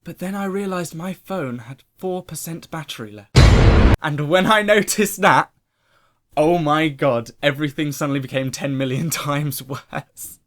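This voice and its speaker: Man, casual storytime vlog, excitable, animated, bright forceful voice. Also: a little high, a little slow, slight background noise. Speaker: vlogger telling a personal story.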